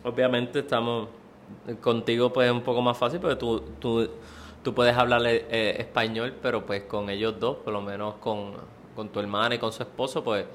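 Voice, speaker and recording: A Puerto Rican man with a local accent co-hosts a podcast, his talk hesitant and full of small fillers. His voice sits at an ordinary middle pitch. A faint hiss of noise runs behind him. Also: flat delivery, normal speed, fairly bright tone. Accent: Puerto Rican Spanish. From Puerto Rico. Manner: hesitant, many fillers like "pues" and "no?". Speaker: podcast co-host. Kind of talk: casual conversation.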